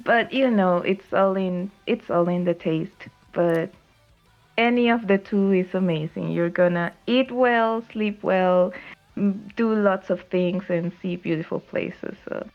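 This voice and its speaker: A woman's voice: mid-range voice, unhurried. A woman from Venezuela, a guest on a casual podcast, speaking cheerfully and easily with laughs between sentences. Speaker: podcast guest, video editor. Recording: muffled lo-fi mic with faint music.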